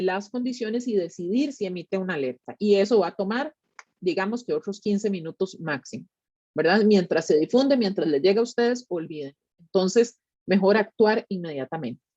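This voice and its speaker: A woman's voice: mid-range voice, darkish tone, dry recording, muffled recording. A woman with a Costa Rican Spanish accent giving an explanatory educational talk in a conversational way, often checking in with short tag questions. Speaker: tsunami monitoring specialist giving a public talk.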